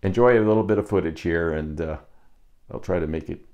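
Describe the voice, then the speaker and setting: A man's voice: deep voice, fairly quick, muffled recording. A man in his sixties chatting casually to camera as a vlogger reviewing gear, recorded indoors on a lapel mic. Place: indoor room in front of a backdrop.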